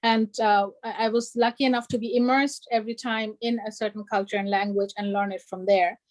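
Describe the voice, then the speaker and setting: A woman's voice: medium pitch, steady tone, brisk, low-quality recording. A young woman raised in Germany, speaking earnestly as an alumna on an online panel, emphatic and full of "you know" and "like". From Bangladesh, raised in Germany.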